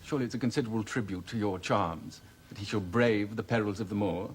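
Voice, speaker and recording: A man playing a scheming, cold-blooded heir, talking with cold menace and sharp contempt in an old film drama. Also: on the low side, fast, slight background noise, close to an everyday voice. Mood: taunting. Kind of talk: 1950s film drama acting.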